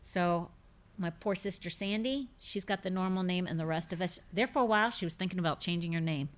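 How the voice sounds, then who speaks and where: On this faith podcast, the host, a woman in her fifties, answers listener questions casually and emphatically, often repeating words to drive a point home. Her voice is on the low side and a little fast.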